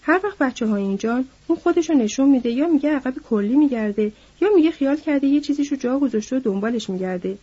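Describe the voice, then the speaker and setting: A loud, gossiping young ranch hand, as a woman reader puts him on, pitched a little high and mellow, with a husky edge. He talks eagerly about town and the girls, loud and lively. The reading is on a dull lo-fi recording. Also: hardly any pauses.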